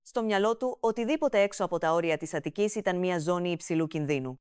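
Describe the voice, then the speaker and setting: A woman narrating a comic family story with an even, steady storytelling delivery, recorded close to the mic. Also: fairly low pitch, smooth, no room sound.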